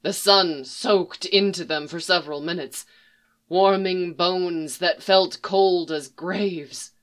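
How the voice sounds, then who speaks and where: A narrator reading a fan story aloud in a slow, even storytelling manner. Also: mid-range voice.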